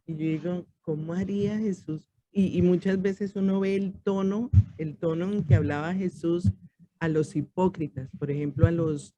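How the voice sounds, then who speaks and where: A woman leads a church discipleship class in a mellow, warm voice. She speaks calmly and deliberately, often softening to a gentle hush. She acts out brief exchanges as she teaches. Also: on the low side, dull audio. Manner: calm, measured, often drops to a soft voice; acts out short everyday exchanges.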